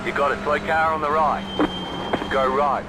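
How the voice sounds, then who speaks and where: A man voicing a terse race spotter who calls out traffic and lap times in clipped, flat short calls, over loud car engine noise. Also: a little high, moderate pace, natural voice.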